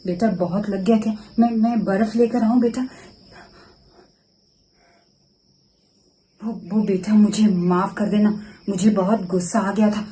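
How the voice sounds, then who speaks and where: A woman's voice: mid-range voice, dark tone, slight background noise, close to an everyday voice, rough recording. A woman acting a stubborn, hot-tempered older mother-in-law in a short family skit, rambling through her complaints and stammering when she feels guilty. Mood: remorseful.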